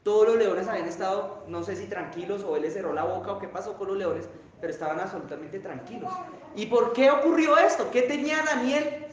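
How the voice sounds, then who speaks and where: A male pastor preaching a sermon, telling a story with dramatic rises and drops in pitch and loudness, recorded in a church hall. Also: a little fast. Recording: very echoey church hall with faint noise.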